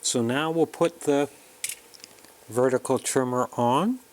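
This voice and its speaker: Slow and darkish in tone, a man's mid-range voice narrates a hands-on electronics kit build, talking plainly through every step while he works. It's a casual, explanatory tutorial.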